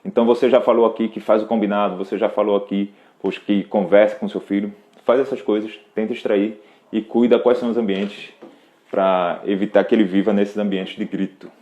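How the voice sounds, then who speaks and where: A man's voice: fairly low pitch, level tone, fairly quick, warm tone. Brazilian guy on a live q&a, patient and practical, kinda dull lo-fi stream sound. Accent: Brazilian Portuguese. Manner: explains directly to a parent, patient and practical. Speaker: host answering parenting questions. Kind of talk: live Q&A advice talk.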